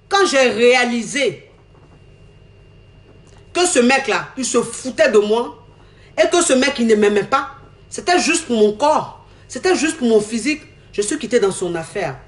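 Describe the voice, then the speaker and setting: Animated woman telling her own story. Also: fairly high pitch, unhurried, long pauses. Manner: animated, repeats herself, acts out quoted talk. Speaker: woman giving a testimony. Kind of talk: candid personal storytelling.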